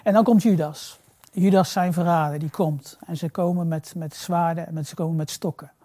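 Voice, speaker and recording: Warm, reflective male preacher. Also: steady tone, moderate pace, no room sound. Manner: reflective, repeats phrases for emphasis; drops to a soft, low voice on key phrases. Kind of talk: sermon.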